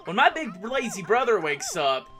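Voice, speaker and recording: A woman voicing an excited little girl bear, eager and chirpy. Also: mid-range voice, moderate pace, faint music behind.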